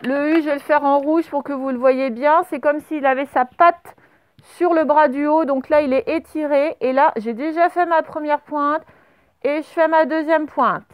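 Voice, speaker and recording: A woman's voice: sits high, fairly even intonation, moderate pace, no room sound. A woman teacher giving a spelling dictation lesson to children on camera, patiently spelling words out letter by letter. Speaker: primary school teacher.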